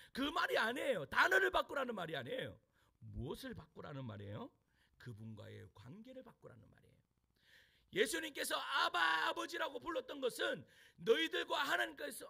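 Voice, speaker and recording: Husky, animated Korean pastor preaching. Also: male voice, high-pitched. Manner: asks the congregation questions and answers them himself; swings from hushed asides to shouted lines. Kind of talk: sermon.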